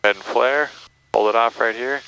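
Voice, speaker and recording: On a rough-sounding aviation headset recording, a flight instructor coaches hands-on in a small airplane cockpit, both in flight and while taxiing. He gives encouraging, step-by-step instructions and keeps checking in with tag questions. His medium-pitched voice is gravelly yet smooth, with a sharp tone and a fairly quick pace.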